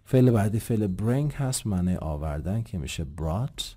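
Deep-voiced man teaching a lesson. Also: expressive, dark tone. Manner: explains patiently, asks rhetorical questions and answers them; addresses listeners politely and formally. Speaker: English teacher. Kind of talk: grammar lesson.

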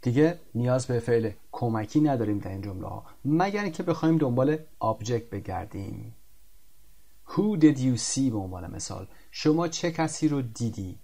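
Male tutor, explaining grammar, slow and deliberate on the example sentences. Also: mid-range voice, lively intonation, vocal fry, warm tone. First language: Persian. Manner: explains in Persian, reads English examples slowly and carefully. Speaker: English teacher. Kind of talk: recorded grammar lesson.

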